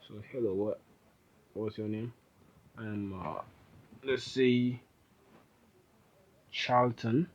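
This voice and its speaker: A man's voice: lowish voice, extremely slow, long pauses, highs cut off. A man giving an informal, rambling coding tutorial, often correcting himself as he types. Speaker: programming instructor. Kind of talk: casual screen-recorded coding tutorial.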